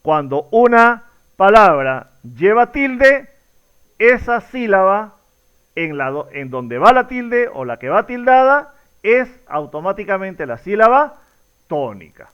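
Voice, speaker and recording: A man's voice: high-pitched, sing-song, slow, smooth, muffled recording. A man teaching a class, stretching out words and stressing syllables to show students how they are pronounced, and asking the same question again and again. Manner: addresses students directly, repeating each question. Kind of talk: recorded classroom lesson.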